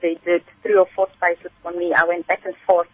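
Speaking fairly quickly with little pitch movement, this woman has a fairly low voice and there's no echo. She's from Kimberley, South Africa, runs a spice business, and is a radio interview guest on a narrow phone line, chatting conversationally and telling long, story-like explanations.

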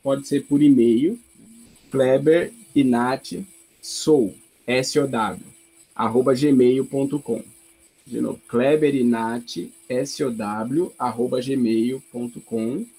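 A man's voice: medium pitch, steady tone, warm tone, slightly rough. A man missionary carefully giving out his contact details. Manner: slow and careful, spells out contacts. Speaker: missionary guest.

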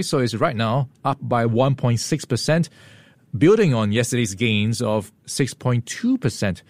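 A man co-hosting a radio market report, brisk and lightly playful, a little hoarse. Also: mid-range voice, a little mellow, dry recording. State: slightly hoarse. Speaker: market news co-host. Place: radio studio. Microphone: studio microphone.

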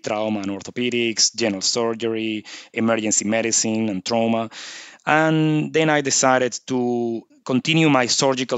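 A man in his forties from Venezuela with a Venezuelan Spanish accent, answering interview questions in relaxed conversational storytelling. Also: fairly low pitch, no room sound. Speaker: podcast guest, rural surgeon.

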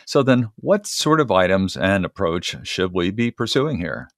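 A man's voice: deep voice, big pitch swings, a little slow, no echo, studio quality. A man acting as interviewer, genial and somewhat formal and wordy, in a conversational but prepared-sounding style. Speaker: interviewer, co-host.

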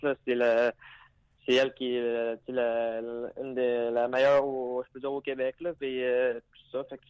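A young man with a Lac-Saint-Jean Quebec French accent, answering interview questions hesitantly and filling pauses often. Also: mid-range voice, clear, resonant tone, lo-fi sound. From Quebec, Lac-Saint-Jean region. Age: young adult. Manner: hesitant, many fillers and restarts. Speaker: hockey player guest.

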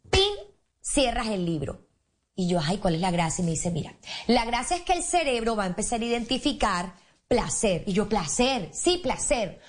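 A woman telling a story in a casual chat, animated, acting out quotes and laughing often. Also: on the high side.

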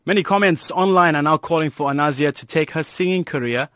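A man reading a scripted news report in a smooth, measured way. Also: a little high, fairly bright tone, slight background noise.

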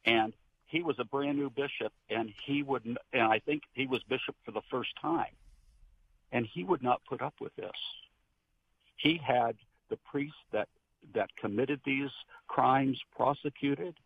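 A man's voice: medium pitch, measured pace, vocal fry. Older man calling in on a tinny speakerphone. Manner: earnest, meandering, recalls stories with restarts. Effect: speakerphone on a phone line. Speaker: caller, retired Protestant pastor. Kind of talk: call-in radio chat. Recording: tinny speakerphone call with faint background noise.

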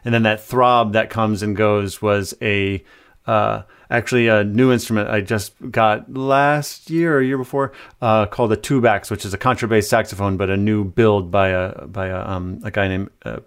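A man with a lowish, smooth and resonant voice talks through his craft slowly and thoughtfully. He pauses often with fillers as he searches for words, speaking over a remote call. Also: steady tone. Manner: hesitant, thoughtful, many fillers. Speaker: composer guest. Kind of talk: conversational interview answers.

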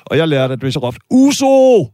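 Man, gravelly voice, dry close sound, blunt heated debater. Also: mid-range voice, animated, a little mellow, no room sound. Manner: blunt, argumentative, swears casually.

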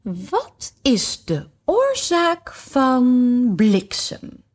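A woman reading aloud who voices a flustered, dithering old queen in a storybook, high and fluttery. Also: huge pitch swings, extremely slow, darkish tone, exaggerated voice. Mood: fretful.

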